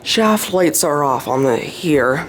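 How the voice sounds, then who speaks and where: A man's voice: fairly high pitch, slow, noisy background. A man filming hotel elevators with a handheld camera, casually narrating and pointing things out as he rides. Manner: relaxed, pointing things out as he goes. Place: hotel elevators and hallway, indoors.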